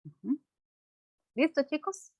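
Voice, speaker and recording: A woman's voice: high-pitched, very animated, slow, vocal fry, no echo, highs cut off. A woman teacher explaining a lesson patiently and simply, checking in with her class through frequent rhetorical questions.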